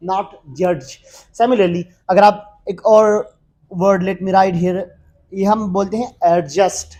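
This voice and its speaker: A man teaching an English grammar lesson in mixed Hindi and English, explaining slowly and repeating his points with frequent fillers. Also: sits high, darkish tone.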